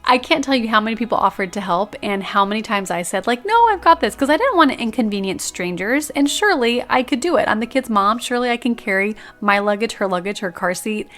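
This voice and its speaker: A woman's voice: mid-range voice, fast, hardly any pauses. Chatty young woman telling a story. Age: young adult. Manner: animated, chatty, lots of "like" fillers. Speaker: podcast host. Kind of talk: casual personal storytelling.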